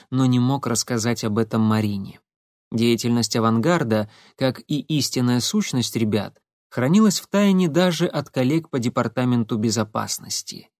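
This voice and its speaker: A man narrating a story in a steady, even reading voice. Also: mid-range voice, no echo, studio quality. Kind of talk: audiobook narration.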